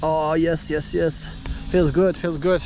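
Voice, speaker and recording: A Belgian man in his thirties, vlogging his travels, chats casually and laughs often while strolling an outdoor stadium and its corridors. His voice is on the high side and mellow, with little pitch movement, and he takes it slowly. Soft background music plays, and he films on an action camera at arm's length.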